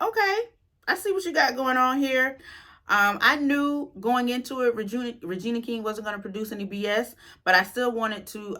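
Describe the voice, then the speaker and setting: A woman from the US South, reviewing a series as an author in a chatty, expressive way with slangy asides. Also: on the high side. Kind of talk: casual spoken review.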